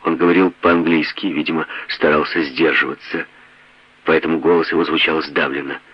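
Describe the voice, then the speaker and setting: A man narrating a novel in a measured, unhurried reading voice. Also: extremely low pitch, little pitch movement, husky. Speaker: audiobook narrator. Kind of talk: scripted narration. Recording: dry, dull lo-fi audio.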